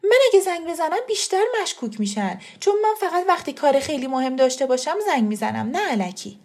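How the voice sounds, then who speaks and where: A woman reader voicing an indignant, sharp-tongued mother who speaks emphatically. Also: high-pitched, lively intonation, pitched above the performer's own voice.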